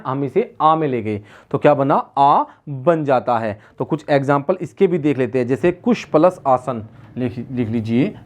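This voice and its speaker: A man teaching Hindi grammar in an exam-prep lecture. He keeps asking rhetorical questions and answering them himself, and he repeats key words slowly. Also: mid-range voice.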